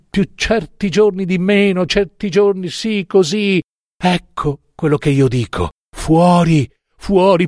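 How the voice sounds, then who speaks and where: A man voicing a drunk, weeping older male professor who pleads in a high, strained voice. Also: darkish tone, no room sound, studio quality, natural voice. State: drunk, crying.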